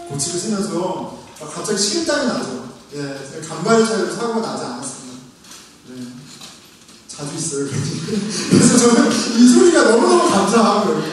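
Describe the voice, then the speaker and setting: A middle-aged male pastor preaching with a high, swinging voice that leaps up and drops low. He tells everyday stories and acts out the people in them. The sound comes from far off in a big reverberant hall with faint noise behind. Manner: animated storytelling, acts out scolding his kids. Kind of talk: sermon. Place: church hall.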